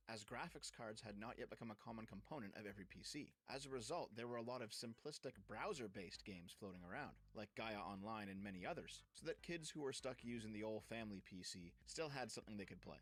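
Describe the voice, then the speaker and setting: A man's voice: mid-range voice, expressive, fast talker, few pauses, fairly bright tone, breathy edge. A man narrating a scripted online commentary video with a wry, scornful edge. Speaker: documentary narrator.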